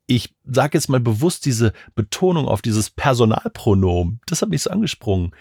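A man's voice: medium pitch, very animated, normal speed, creaky, a little mellow, slightly rough, no room sound, studio quality. A man in a devotional Bible discussion, reflecting personally on a psalm with emphatic repetition. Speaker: Bible study speaker.

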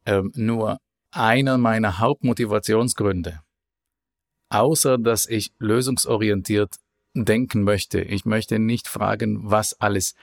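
Slow-speaking man, dry sound. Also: on the low side, steady tone, vocal fry, dry recording. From Israel. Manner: slow, deliberate explanations. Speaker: author guest. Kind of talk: interview answers.

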